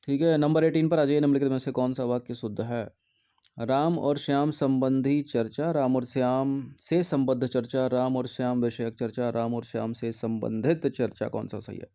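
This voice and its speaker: A man's voice: mid-range voice, fairly even intonation, moderate pace, dark tone. A man teaching Hindi grammar, reading out exam questions and their answer options, then explaining methodically which one is correct.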